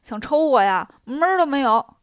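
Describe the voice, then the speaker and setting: A woman's voice: high voice, lively intonation, normal speed, no echo, clean studio sound. A woman doing an indignant dragon-horse.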